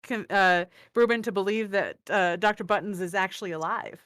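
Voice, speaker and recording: A woman player chatting at a tabletop game, lively and swearing casually. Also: mid-range voice, brisk, no room sound.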